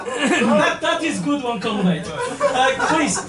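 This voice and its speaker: A man's voice: very high-pitched, wildly swooping pitch, takes it slowly, heavily acted. A man putting on a boastful Soviet comedian with a fake Russian accent, performing live. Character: pompous Soviet male comic, boastful. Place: small comedy club stage. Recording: roomy club, far from mic, crowd noise.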